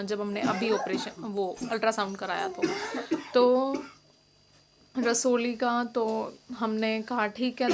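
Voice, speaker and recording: A young woman talking casually in a home vlog, explaining at length with many fillers and restarts. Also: on the high side. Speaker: vlogger.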